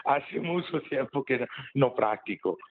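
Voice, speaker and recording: A man's voice: mid-range voice, expressive, measured pace, slight background noise. A man with an Italian accent giving interview answers in a language that is not his own, hesitant and often searching for words. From Italy, Bergamo area. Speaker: member of an amateur football club, interview guest. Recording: tinny narrow phone-like line.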